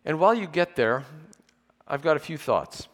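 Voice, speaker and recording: A man's voice: fairly high pitch, expressive. Man preaching at a pulpit microphone. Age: 40s. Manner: measured, explanatory preaching with occasional dry humour. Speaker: pastor. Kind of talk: sermon. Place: church sanctuary with pews. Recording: long church hall reverb.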